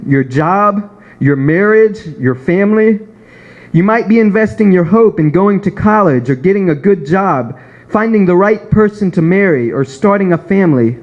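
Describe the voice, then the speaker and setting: High-pitched man preaching, dull recording. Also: a little mellow. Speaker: beginner preacher giving a first sermon. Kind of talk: prepared sermon, read from a script.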